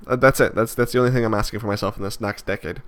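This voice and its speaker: Talking very fast with a fairly low, fairly bright voice and a steady tone, this vlogger in his twenties reflects casually on camera. He rambles and hesitates, often using fillers and starting over.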